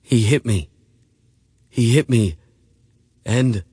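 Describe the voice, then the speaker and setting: A man reading an audiobook voices a frightened, skinny nineteen-year-old runaway boy who speaks in halting, broken phrases and cries. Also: mid-range voice, warm tone, breathy edge, dry recording, studio quality. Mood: sobbing. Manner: halting, fragmented speech, crying.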